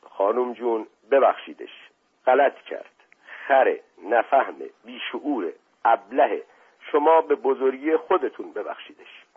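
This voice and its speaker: A man voicing a witty, mocking aristocratic gentleman, husky on a phone-like recording. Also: medium pitch, animated, voice pushed up. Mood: coaxing. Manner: mocking, ironic.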